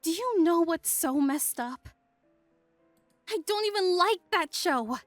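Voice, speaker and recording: A woman's voice: very high voice, expressive, takes it slowly, soft background music, pitched above the performer's own voice, full character voice. A woman voicing an emotional, lovesick young woman who wavers between tears and self-mockery. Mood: rueful.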